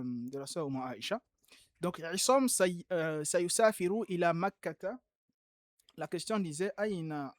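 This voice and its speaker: A man's voice: fairly high pitch, no echo. Patient man correcting homework aloud. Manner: patient, repeats key points emphatically. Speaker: Arabic teacher. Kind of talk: online class, correcting homework.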